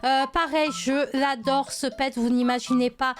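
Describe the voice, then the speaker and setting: A woman's voice: high-pitched, steady tone, a little slow. A woman giving a casual tour of her game inventory as a YouTuber, gushing with enthusiasm over each item. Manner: gushing, enthusiastic, repeats "trop, trop cute". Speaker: gaming YouTuber.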